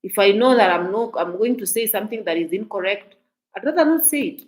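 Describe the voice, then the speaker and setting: A woman's voice: mid-range voice, lively intonation, a little fast. A woman from Kenya with a Kenyan accent, giving casual, talkative commentary on celebrity gossip to her viewers, emphatic and repeating herself. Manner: mixes in Swahili phrases.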